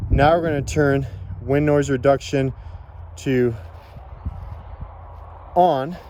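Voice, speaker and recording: A man's voice: mid-range voice, steady tone, slow, a little mellow, a little hiss or hum. A man giving a casual, informal product demonstration in an instructional way, as a reviewer.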